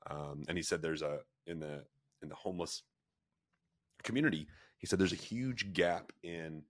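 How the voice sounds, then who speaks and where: A man, a pet treat company founder, telling a long story in a relaxed interview, full of fillers and restarts. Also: sits low, moderate pace, dry recording, clean studio sound. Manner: rambling, filler-heavy storytelling with many restarts.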